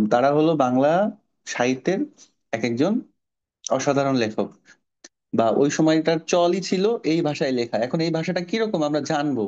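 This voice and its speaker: A man's voice: medium pitch, darkish tone. A male teacher leading a class, quizzing his students and patiently explaining each point. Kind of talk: online class lecture. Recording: dull lo-fi audio.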